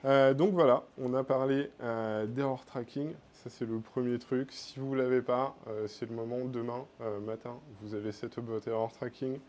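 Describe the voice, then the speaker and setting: A man's voice: mid-range voice, fairly even intonation, normal speed, hardly any pauses, a little mellow. A man with a French accent giving a casual tech meetup talk, with many fillers. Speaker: conference speaker. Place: meetup room.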